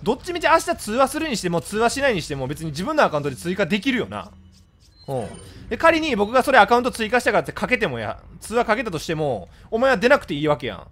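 A man with a Kansai accent chatting casually with his live-stream viewers, blunt and scolding in rapid-fire retorts. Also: high voice, wildly swooping pitch, fairly bright tone. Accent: Kansai Japanese.

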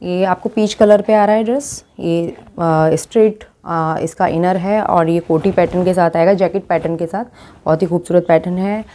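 Woman, low mellow voice, boutique product showcase presenter. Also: fairly even intonation, normal speed, a little hiss or hum. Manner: describes garments while showing them.

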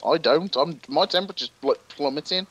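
A man's voice: fairly high pitch, brisk, a bit bright, breathy edge, lo-fi sound. A man playing a co-op survival game with a friend, giving short matter-of-fact replies. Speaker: co-op game partner. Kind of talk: casual let's-play chat.

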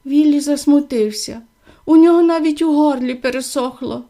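A woman gently and expressively reading a children's fairy tale aloud. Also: sits high, normal speed. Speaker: storyteller.

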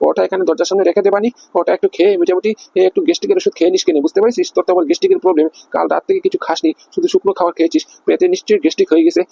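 Rough-edged and husky, this is a man playing a fussing cartoon husband who coaxes his wife at a rapid clip. He rambles, with one filler after another. The dull, dry, lo-fi recording keeps his dark voice close. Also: high voice, lively intonation, no room sound, exaggerated voice. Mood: coaxing. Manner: coaxing, rambling, full of fillers. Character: fussing, coaxing middle-aged cartoon husband. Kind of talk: cartoon comedy voice acting.

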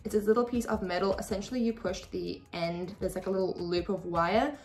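An Australian woman in her 20s chats to camera from her desk, where a sewing machine sits in a small room, while hosting a sewing tutorial. Her mid-range voice moves fairly quickly and carries reverb, and she talks casually and expressively, gesturing a lot with her hands.

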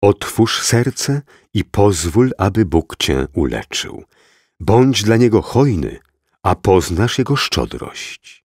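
A man voicing a greedy, smooth-talking false prophet in an audiobook, preaching in an insistent, coaxing way. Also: fairly low pitch, big pitch swings, slow, a little mellow, dry recording, clean studio sound, heavily acted.

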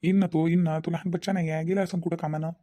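A man's voice: on the high side, little pitch movement, very fast, mellow, lightly acted. An actor voicing a stern village father-in-law. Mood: reproachful. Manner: lecturing, reproachful. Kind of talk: cartoon voice acting.

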